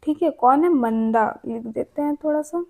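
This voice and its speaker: Brief: young female tutor, high mellow voice, conversational lecture full of self-answered questions. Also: normal speed, gravelly. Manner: chatty, keeps asking and answering her own questions. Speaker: teacher. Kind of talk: casual exam-prep lecture.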